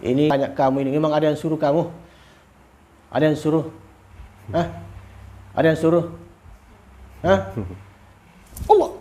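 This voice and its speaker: A man, working as a spiritual healer in an exorcism session, giving commands and repeating sharp questions. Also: a little high, fairly even intonation, moderate pace, long pauses.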